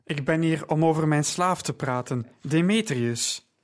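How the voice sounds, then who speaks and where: A man reading the part of an angry, hostile man who speaks loudly and accusingly. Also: on the high side, a little slow, lightly acted. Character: angry red-faced man, blustering and hostile.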